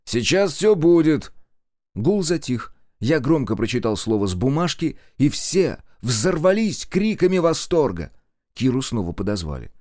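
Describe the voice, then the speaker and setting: Expressive male horror narrator. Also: medium pitch, normal speed, no room sound, clean studio sound.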